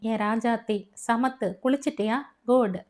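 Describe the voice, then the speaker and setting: A woman's voice: fairly high pitch, steady tone, unhurried, a little mellow, close to an everyday voice. A woman reading the lines of a young husband in an audio novel, in a bossy, scolding way. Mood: coaxing. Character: young husband, teasing then stern.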